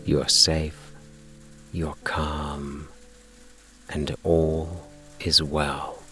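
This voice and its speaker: Give the voice of a man with an extremely low pitch who reads a sleep story slowly and soothingly. His tone is crisp and bright despite the depth, and each phrase is gently measured. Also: little pitch movement, soft background music. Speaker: host and narrator of a sleep story podcast. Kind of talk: slow bedtime relaxation narration and story reading.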